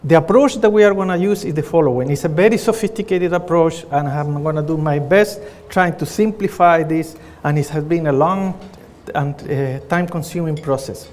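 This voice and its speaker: A man's voice: fairly high pitch, moderate pace, hardly any pauses, a little mellow. A middle-aged man from Chile with a Chilean Spanish accent, giving an earnest conference presentation as a pathologist, with frequent fillers and restarts. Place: conference hall. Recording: reverberant conference hall.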